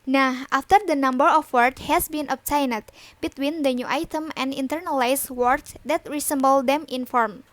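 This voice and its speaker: A young woman, a student presenter reading a class presentation in a steady read-aloud way. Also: high-pitched, normal speed, no room sound. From Indonesia. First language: Indonesian. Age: young adult.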